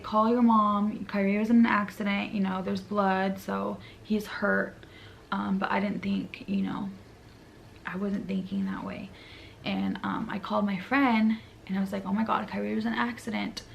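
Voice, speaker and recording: Gravelly-voiced young woman, tearful storytelling. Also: mid-range voice, slight background noise. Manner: tearful, voice breaking and rising in distress. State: crying. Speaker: vlogger. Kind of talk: emotional personal storytelling.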